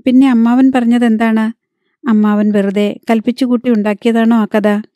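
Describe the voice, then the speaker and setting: A woman's voice: a little high, level tone, normal speed, warm tone, no echo, close to an everyday voice. A woman voicing an anguished young wife torn by doubt, in an audiobook reading.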